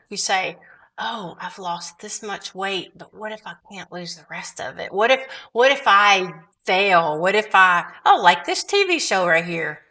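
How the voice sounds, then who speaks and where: A woman's voice: mid-range voice, bright, forceful tone. A woman, hosting a casual talk show and chatting in a rambling way, often restarting her sentences. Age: 60s. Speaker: show host.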